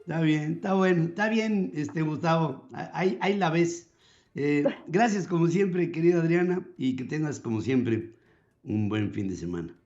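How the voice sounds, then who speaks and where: An older man hosting a radio talk show, reflective and drawn-out, with frequent restarts. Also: fairly high pitch, animated, a little mellow. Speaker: radio host. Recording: muffled lo-fi broadcast audio.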